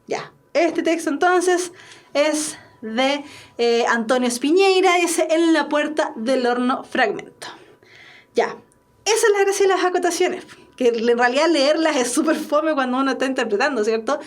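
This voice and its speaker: Casting: Chilean woman teacher, high voice, chatty explainer. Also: normal speed. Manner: chatty, explaining with tag questions. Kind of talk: online exam-prep lesson.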